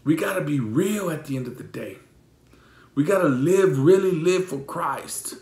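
A man preaching a sermon as a pastor, emotional and repetitive, with many restarts, moving between loud preaching and hushed pleading. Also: on the high side, lively intonation, moderate pace, vocal fry, roomy sound.

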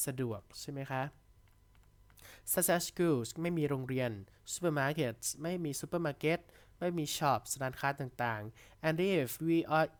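A man teaching an English vocabulary lesson in a chatty classroom manner. He reads sentences out slowly, then explains them quickly. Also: a little high, clear, resonant tone.

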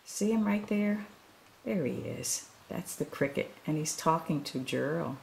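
A woman reading a children's picture book aloud, pausing to sympathize and ask the listeners questions. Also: sits low, expressive, gravelly, slight background noise. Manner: gentle, asks listeners questions; sympathetic, comments between pages. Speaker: storytime reader.

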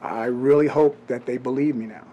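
A middle-aged man speaks as a head coach facing reporters after a game. He answers plainly and bluntly, in an even, mid-pitched voice. He is close to a cluster of table microphones in a press room. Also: a little fast, a little hiss or hum. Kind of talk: postgame press conference. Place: press room before a branded backdrop.

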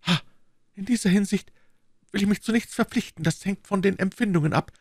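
A man's voice: no room sound, studio quality. Man putting on an anxious young woman. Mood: pleading. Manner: raised, light pitch, quick and urgent. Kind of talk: audiobook reading.

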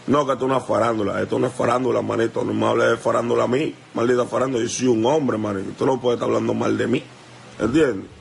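A man's voice: mid-range voice, fairly even intonation, fast, gravelly, slight background noise. A young man with a Dominican accent, talking straight into a phone livestream in a heated, confrontational rant, repeating himself and asking whether the listener understands. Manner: confrontational, repetitive, keeps asking "you understand?". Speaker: musician addressing a rival.

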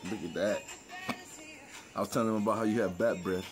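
A man's voice: on the low side, fairly even intonation, brisk, over music. A young man vlogging casually with his partner, teasing and joking while he has the hiccups. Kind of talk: casual vlog. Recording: noisy handheld camera audio.

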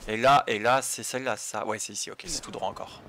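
Playing a video game, a man keeps up casual, mumbled commentary to himself, full of frequent hesitations, in the style of a let's play host. His medium-pitched voice is brisk and a bit bright.

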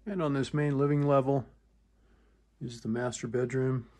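A man's voice: mid-range voice, fairly even intonation, moderate pace, darkish tone. A man walking through a home as a real estate agent, listing features in short, clipped phrases. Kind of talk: property walkthrough narration. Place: indoors, walking through a wooden townhome.

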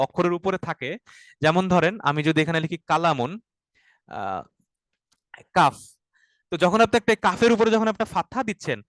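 High-voiced man teaching patiently. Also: fairly bright tone, no room sound, studio quality. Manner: patient, repeats points and asks "ঠিক আছে?" often; mixes English words into Bengali. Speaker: Arabic grammar teacher. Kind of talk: explanatory online class.

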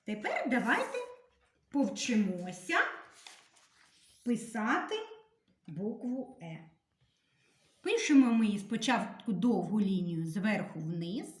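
Woman teacher, slightly high voice, slow and careful, reading letters for kids; roomy echo. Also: very animated, darkish tone. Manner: slow, careful, instructive, clearly sounding out letters. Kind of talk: literacy lesson for young children. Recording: echoey room.

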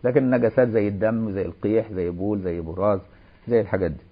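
A man's voice: on the low side, steady tone, rapid-fire, husky, dull audio. A man with an Egyptian accent, a religious teacher reading a classical text aloud and explaining it, moving between formal recitation and chatty colloquial asides.

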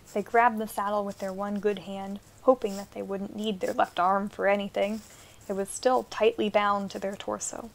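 A woman narrating an audiobook fantasy story in a steady, measured storytelling manner. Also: medium pitch, creaky.

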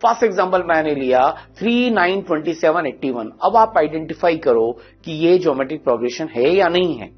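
A husky man with a fairly high voice teaches a math lesson for exam prep. He walks students through each step and keeps asking them to check and guess the answers. Soft music plays underneath. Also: lively intonation, brisk, few pauses, highs cut off.

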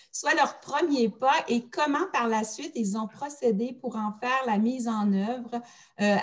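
Woman, fifties, formal host intro, slightly high voice. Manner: formal, reads with small slips. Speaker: webinar host. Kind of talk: scripted introduction. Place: living room.

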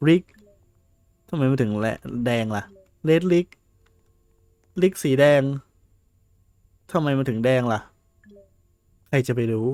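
A young man chatting casually over a game he is playing for the first time, excitable and quick to yelp when chased. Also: mid-range voice, no echo. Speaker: game streamer. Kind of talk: casual let's-play commentary.

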